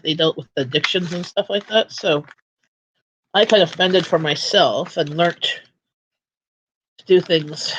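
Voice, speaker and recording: A woman's voice: lowish voice, a little hiss or hum, rough recording. A woman hosting a casual livestream chat from home. She rambles and often restarts her sentences. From Canada. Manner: rambling and chatty, with frequent restarts. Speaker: livestream host.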